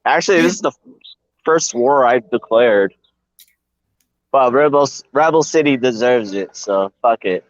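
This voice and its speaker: A man's voice: mid-range voice, unhurried, pauses often, no room sound, lo-fi sound. A man hosting crude casual banter in an online voice chat, laughing and teasing with lots of swearing.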